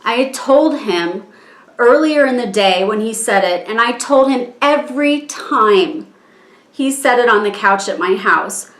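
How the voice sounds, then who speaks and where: A woman reading her own written statement aloud in a measured, halting way, strained and struggling to keep her composure. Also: fairly high pitch, animated, a bit bright. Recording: echoey room.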